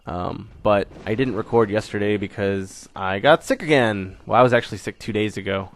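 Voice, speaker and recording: A young man with a low voice, speaking at normal speed, updates his gaming channel casually. He's recovering from a cold and rambles, restarting often and using lots of fillers.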